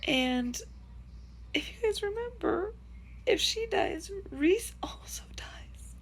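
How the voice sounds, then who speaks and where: Gushing woman with a gravelly edge. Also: very high voice, very animated, slow pace. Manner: gushing, emotional, lots of "like" and "literally". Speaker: book reviewer. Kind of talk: casual vlog chat.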